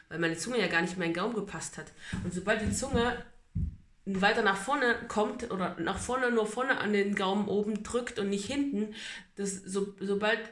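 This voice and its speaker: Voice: medium pitch, a bit bright. A person talking casually in a personal video diary, speaking with braces in the mouth. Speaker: vlogger giving a personal treatment update. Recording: roomy, echoing home recording.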